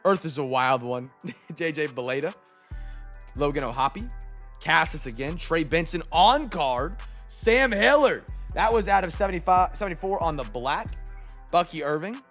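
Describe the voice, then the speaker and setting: A man hosting a live trading card break, rattling off player names with excited bursts. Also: on the high side, normal speed, soft background music.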